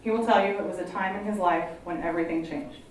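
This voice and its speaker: Speaking fast in a lowish voice, a woman directing a college counseling program welcomes the crowd and reads out speakers' bios, friendly and a bit apologetic. She's far from her handheld mic in a very echoey event room, with slight background noise.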